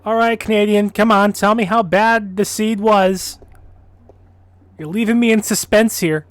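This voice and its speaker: A man's voice: high-pitched, steady tone, unhurried. A man streaming a game, chatting and reading in-game books aloud. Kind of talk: casual gameplay commentary and reading aloud.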